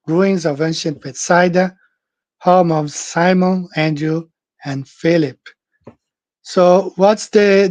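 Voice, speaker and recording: A man hosting his own channel, talking through scripture in an earnest, halting way, with frequent restarts and fillers. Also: fairly high pitch, a little mellow, no room sound. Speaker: channel host. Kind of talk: casual monologue on scripture.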